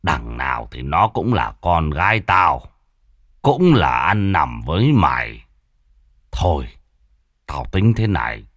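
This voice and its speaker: A man voicing a stern, hot-tempered wealthy old village patriarch who scolds and shouts orders. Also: rumbling low, very animated, slow, long pauses, no room sound, clean studio sound, pitched below the performer's own voice, full character voice. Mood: gruff.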